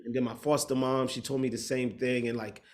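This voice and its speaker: In a video-call interview, a Bahamian man who works as a matchmaker and speaker tells his story in a steady, reflective manner, now and then searching for words. His voice sits at a medium pitch and he talks fairly quickly.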